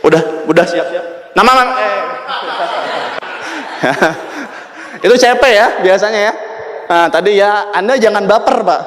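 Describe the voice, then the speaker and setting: High-voiced man speaking in an echoing hall. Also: normal speed. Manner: addresses the crowd with rhetorical questions. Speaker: motivational speaker at a sales event. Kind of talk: motivational talk to an audience. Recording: echoey reverberant hall.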